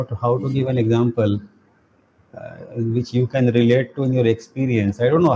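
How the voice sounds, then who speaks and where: A man's voice: mid-range voice, mellow, slight background noise, low-quality recording. Man teaching with many "you know" fillers. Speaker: spiritual teacher. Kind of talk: casual online class talk.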